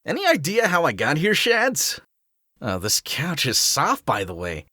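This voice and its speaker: Bright, bouncy Sonic the Hedgehog. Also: male voice, a little high, huge pitch swings, unhurried, no echo, clean studio sound, full character voice. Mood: cheerful. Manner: breezy, peppy, exclaiming. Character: cocky, upbeat teen hedgehog hero, friendly, slangy. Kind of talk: audio drama voice acting.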